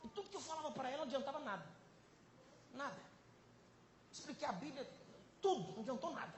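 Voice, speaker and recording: A man, a pastor, preaching a sermon at a conference, swinging between loud exclamations and quiet, intimate passages. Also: extremely high pitch, lively intonation, fast talker, roomy sound, slight background noise. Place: large conference hall.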